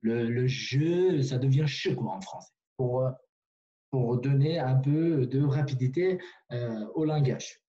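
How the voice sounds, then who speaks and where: Patient guy teaching a class over a video call, slow and mellow, dull lo-fi sound. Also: medium pitch. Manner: patient, repetitive, many fillers and restarts. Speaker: language teacher. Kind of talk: online language lesson.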